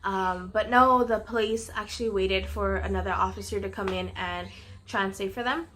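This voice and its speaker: A woman's voice: mid-range voice, steady tone, normal speed, pushed and bright, a little hiss or hum. A woman casually telling a personal story in a vlog, earnest and full of "um" and "you know".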